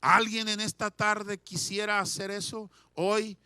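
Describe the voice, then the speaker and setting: A male pastor preaching a sermon, swinging from shouted declarations to hushed pleading and leading the congregation in call-and-response. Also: sits high, level tone, a little slow, smooth, dry recording.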